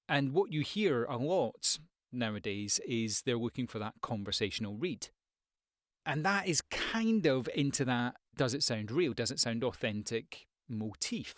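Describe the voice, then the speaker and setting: In a dry recording, a medium-pitched male voice-over coach walks viewers through a loose, conversational tutorial. He speaks expressively right near the microphone, wandering off topic and performing examples.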